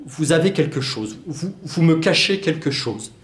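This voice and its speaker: In a roomy, echoing space, a young man reads a play alone on stage as a student actor. He voices a nervous male lover who begs, stumbling and repeating words, at a normal speed in a slightly high, fairly bright voice with lively intonation.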